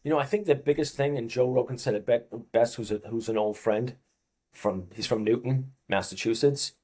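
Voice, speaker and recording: A man in his fifties, a fitness coach with a Boston accent, joins a casual podcast chat as a guest. His voice is mellow and medium-pitched, his pace normal, and he repeats phrases to stress what he's saying.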